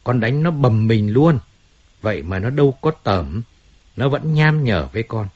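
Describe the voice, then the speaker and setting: A man voicing a washed-up male singer who complains bitterly and pleads for help, in a husky voice. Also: medium pitch, lively intonation, a little slow, a little mellow, lo-fi sound. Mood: bitter ranting.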